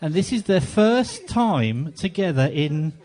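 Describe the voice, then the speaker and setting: Male event host, lively pitch, bantering with guests in a cafe. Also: slow. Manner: jokey, chatty and animated. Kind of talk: live on-stage interview. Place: cafe venue with a live audience.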